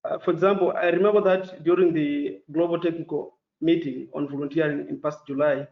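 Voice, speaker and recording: A native Portuguese speaker from Mozambique gives a formal webinar presentation as a panelist, his creaky voice on the high side with fairly even intonation. He proceeds carefully and haltingly, using many fillers, and the video call sound is dull and echoey.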